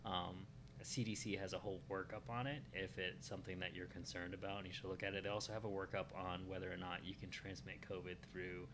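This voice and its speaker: A man with a very low voice talks casually and hesitantly, often reaching for words with ums and uhs. Noise can be heard clearly behind him. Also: level tone. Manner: hesitant, fills pauses with um and uh. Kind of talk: casual conversation. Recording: noticeable background noise.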